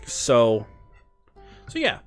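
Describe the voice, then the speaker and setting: Excitable young man telling a story. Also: medium pitch, extremely slow, faint music behind. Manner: excitable, rambling, many fillers. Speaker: vlogger. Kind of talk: casual storytelling.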